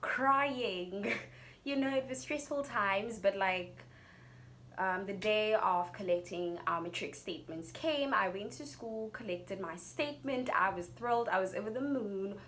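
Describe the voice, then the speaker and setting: A woman's voice: medium pitch, unhurried, a bit bright. Young South African woman vlogging over background noise. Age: young adult. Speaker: YouTuber telling a personal story. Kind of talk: casual storytime vlog.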